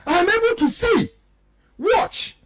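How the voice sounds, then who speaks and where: A very high-pitched, animated male voice with a fairly bright tone moves a little slowly. The speaker, a Ghanaian whose first language is Twi, offers emphatic, accusatory political radio commentary in a declamatory manner, alternating local language and English.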